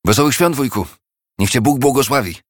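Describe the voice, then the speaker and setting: A man's voice: low-pitched, brisk, gravelly, no room sound, clean studio sound, voice pushed up. A man voicing a cheerful young nephew who speaks earnestly and pleads kindly with his uncle.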